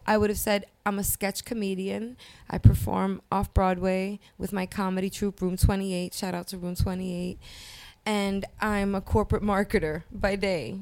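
A woman chatting casually and slangily as a podcast guest, telling stories with a lisp and a whistling s. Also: mid-range voice. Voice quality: lisp with whistling s from a gold tooth. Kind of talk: casual chat. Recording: clear background noise.

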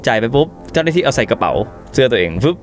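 A man telling travel stories as an interview guest, animated and casual, acting out what people said. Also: medium pitch, rapid-fire, faint music behind. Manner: animated, acts out quotes, swears casually. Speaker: travel content creator guest.

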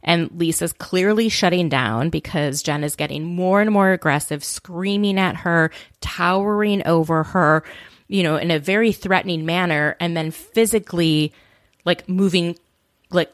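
Low-voiced woman recapping with blunt indignation. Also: no room sound, studio quality. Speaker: podcast co-host. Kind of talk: casual recap chat.

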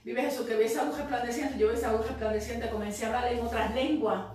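A woman's voice: fairly high pitch, steady tone, quick pace, darkish tone. A woman giving a spoken religious testimony, fervently breaking into praise and often adding "right?". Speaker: church member giving testimony. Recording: very echoey, distant mic, faint noise.

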